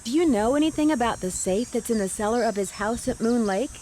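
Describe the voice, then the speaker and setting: A woman's voice: a little high, animated, a little fast, mellow, slight background noise, lightly acted. Nancy Drew, a woman voicing a young sleuth. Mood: inquisitive. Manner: inquisitive, dryly sarcastic. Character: young woman detective, curious and dry. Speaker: game protagonist. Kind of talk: video game voice acting.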